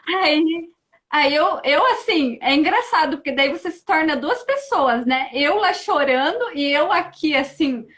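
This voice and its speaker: A woman with a high-pitched, unhurried voice is a guest in a casual chat, animatedly telling a personal story. She keeps tagging her sentences with questions and acts out her own past thoughts in lively asides.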